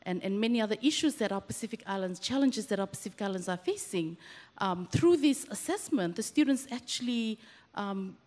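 A woman's voice: mid-range voice, lively intonation, fairly quick, a little mellow. A woman from Fiji, a university lecturer, speaking earnestly into a handheld mic from the audience, with many restarts. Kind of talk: speaking from the floor at a workshop. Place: large semi-open hall with audience. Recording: long hall reverb.

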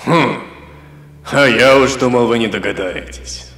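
A man voicing a sardonic ancient god of the underworld, speaking in a slow, sepulchral, sarcastic voice. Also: mid-range voice, a bit bright. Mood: menacing, sarcastic. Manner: sarcastic, mocking. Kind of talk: audiobook character voice. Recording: echoey hall reverb with faint music.

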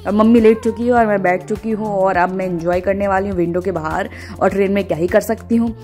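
A woman in her 20s narrates her travel vlog, chatting casually and informally with her viewers. Her medium-pitched voice is warm and brisk, with background music playing underneath.

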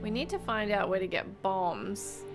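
A woman streamer chats casually as she plays, reacting aloud. Her voice is mid-pitched and competes with loud game music. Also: a little slow. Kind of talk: casual live gameplay commentary.

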